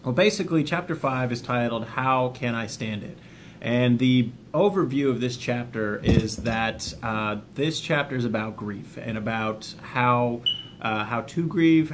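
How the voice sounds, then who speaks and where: Slowish and medium-pitched, a plainspoken army veteran addresses viewers directly in a casual self-help video, folksy in manner and slipping in the occasional jokey aside. Part of his talk is a book overview read aloud. A faint hiss or hum sits under the recording.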